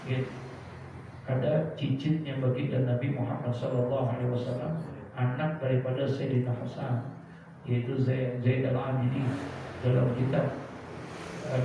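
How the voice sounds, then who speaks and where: A man preaching a kitab study sermon, telling stories and throwing rhetorical questions to his listeners. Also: medium pitch. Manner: storytelling, asks the crowd rhetorical questions. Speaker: Islamic preacher. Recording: echoey, distant, dull, noisy hall.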